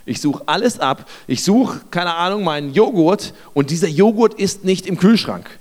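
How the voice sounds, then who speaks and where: A young man preaching a sermon, telling a Bible story with lively asides and acting out the characters' lines, speaking straight to his listeners. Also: high-pitched, moderate pace, big-room sound.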